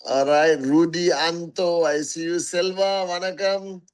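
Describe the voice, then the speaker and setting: Man on a livestream, slightly high voice, unhurried, greets followers by name, repeats himself for emphasis. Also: fairly even intonation, smooth. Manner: greets viewers one by one, calls them warriors; slow, emphatic, repeats phrases. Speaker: network marketing leader hosting a livestream. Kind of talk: casual livestream address to followers.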